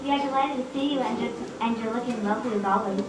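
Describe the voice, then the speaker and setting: A woman's voice: a little high, fast, roomy sound, distant mic, background noise, lightly acted. A woman playing a gushing princess hosting a red-carpet interview segment.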